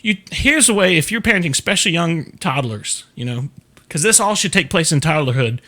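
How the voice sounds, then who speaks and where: Bright-voiced middle-aged man hosting advice. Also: on the high side, lively intonation, a little fast. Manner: conversational, explanatory, keeps checking in with the listener. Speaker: advice show host. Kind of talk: casual advice talk.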